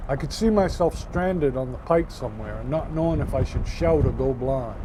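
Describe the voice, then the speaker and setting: A man's voice: medium pitch, expressive, normal speed, background noise. A man from Maine talking casually in colorful, folksy expressions. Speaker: travel show participant.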